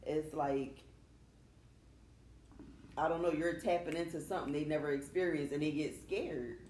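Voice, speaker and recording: A woman's voice: sits low, steady tone, normal speed, darkish tone. A woman guest on a casual chat, candid and laughing as she talks. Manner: candid, laughs while telling. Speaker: podcast guest. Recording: echoey room with faint noise.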